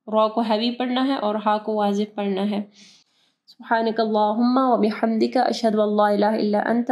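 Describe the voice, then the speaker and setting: A woman teaching Quran recitation rules, explaining each rule patiently and drawing out the words slowly as she recites. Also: medium pitch, darkish tone. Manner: patient, repeats words slowly and corrects pronunciation.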